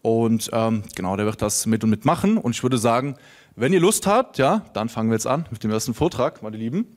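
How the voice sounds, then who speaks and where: A man's voice: medium pitch, lively intonation, fairly quick, darkish tone. A young adult man speaking on a microphone to a live seminar audience, casual and chatty, full of fillers, telling anecdotes to the room.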